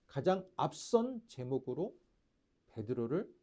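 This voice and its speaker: A man preaching a sermon as pastor, asking the congregation rhetorical questions and shifting between loud declarations and hushed lines. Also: a little high, sing-song, a little slow.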